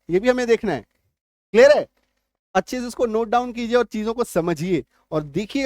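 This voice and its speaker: A man's voice: high voice, darkish tone, no echo. A man teaching English spelling in a spelling lesson. He spells words out letter by letter, repeats points and keeps asking if his students understand.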